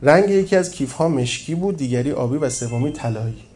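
A man reading a first-person story aloud as narrator, in a steady storytelling manner. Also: fairly high pitch. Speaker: audiobook narrator.

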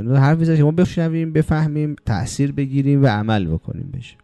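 A man's voice: mid-range voice, dark tone, no room sound, clean studio sound. A man giving a colloquial religious lecture, asking rhetorical questions and running through long spoken lists.

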